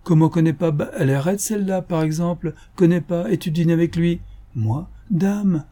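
Man voicing a cheeky young Parisian coquette, raised pitch, husky, teasing, audiobook. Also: animated, normal speed, mellow. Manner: teasing, slangy, laughing. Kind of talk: audiobook character voice.

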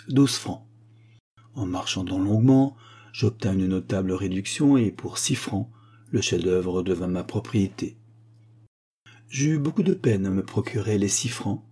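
A man narrating a literary story as an audiobook, in a measured, expressive storytelling manner with a husky voice. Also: on the low side.

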